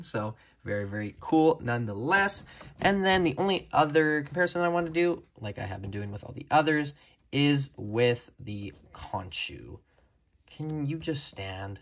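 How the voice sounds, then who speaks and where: A man reviewing an action figure in a casual, chatty vlog, enthusiastic and filling pauses with "uh". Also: fairly low pitch, a bit bright. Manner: chatty and enthusiastic, frequent "uh" fillers.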